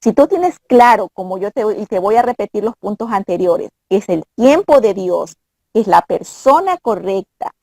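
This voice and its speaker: A woman of middle pitch talks earnestly through Bible passages, as if teaching a friend across the table. The sound is dry and close, with no room around it. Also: animated, moderate pace, vocal fry, darkish tone, no room sound. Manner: earnest, quotes scripture, mimics voices.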